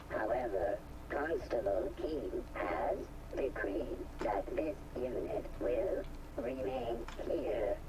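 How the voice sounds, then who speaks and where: A male actor with a mid-range voice plays a glitching robot security unit in a video game, stiff and officious, malfunctioning and stuck repeating itself in loops. He speaks in clipped, formal machine phrases, and the game audio is distant and noisy.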